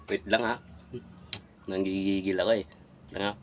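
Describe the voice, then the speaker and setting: A man vlogging himself eating, chewing between bites and teasing his viewers with a drawn-out, mocking "hmm?". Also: low voice, little pitch movement, a little hiss or hum. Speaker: mukbang vlogger. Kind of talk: eating on camera, talking to viewers.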